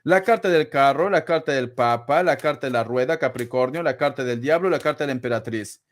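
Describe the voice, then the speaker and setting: A man's voice: mid-range voice, a little fast. A man doing a live-stream tarot reading, chatty and teasing, showering listeners with endearments. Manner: constant endearments, chatty and teasing, laughs often. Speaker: tarot reader answering paid chat questions.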